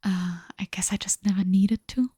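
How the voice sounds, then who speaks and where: Sleepy, breathy young woman murmuring softly. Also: medium pitch, moderate pace, no room sound, studio quality. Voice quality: soft, breathy, often whispered. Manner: sleepy, just woken up. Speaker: livestream host. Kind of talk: casual chat in a soft ASMR whisper.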